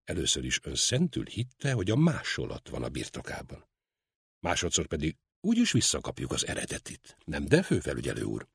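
A man's voice: extremely low pitch, wildly swooping pitch, creaky, slightly rough, dry recording, studio quality, pitched below the performer's own voice, exaggerated voice. A man doing a frail old collector. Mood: protesting. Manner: courteous, protesting. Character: frail elderly male art collector, polite. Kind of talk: audiobook character reading.

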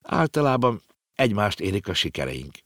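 A man's voice: no echo, clean studio sound, heavily acted. A man voicing an earnest, know-it-all little girl in an audiobook reading. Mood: sorrowful. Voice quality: high, lively, explaining.

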